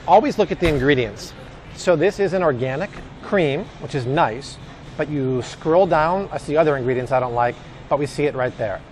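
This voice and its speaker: A man's voice: fairly high pitch, a little hiss or hum. A man hosting a casual grocery shopping advice vlog, chatty and emphatic with jokey asides. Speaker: host.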